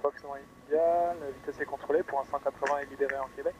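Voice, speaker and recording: A man's voice: medium pitch, fairly even intonation, fast. A man talking over a pilot headset in a light aircraft, mixing casual cockpit chat with radio calls. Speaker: pilot on board handling radio calls and coaching. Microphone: aviation headset. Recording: cockpit headset audio with loud engine noise.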